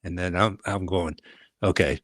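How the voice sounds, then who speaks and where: A man's voice: lowish voice, a little slow, dry recording, studio quality. An older man, a retired police leader, tells a story from his patrol years in a podcast interview, with many uh fillers and restarts. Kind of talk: conversational storytelling.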